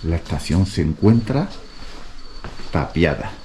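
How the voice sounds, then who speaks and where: A man talking casually and haltingly as he vlogs a night exploration outdoors. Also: deep voice, very animated, a little mellow. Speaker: vlogger. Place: outdoors at an abandoned train station at night. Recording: outdoor night recording with noise.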